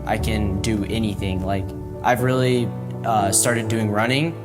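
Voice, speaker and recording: A man's voice: lowish voice, steady tone, unhurried. A young man speaking as a mentee in an interview, casual, with many "like" fillers. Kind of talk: interview for a charity video. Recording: interview under music bed. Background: guitar music.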